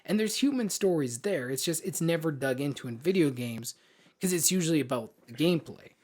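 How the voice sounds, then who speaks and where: In a slightly high, expressive and somewhat mellow voice, this man co-hosts a podcast and talks briskly about movies. His take is casual, opinionated and emphatic, delivered in informal language.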